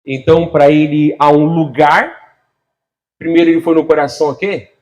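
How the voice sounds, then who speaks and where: A man preaching a sermon as a pastor, animated, swinging between loud and soft, laughing often and speaking straight to the congregation. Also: a little high, normal speed.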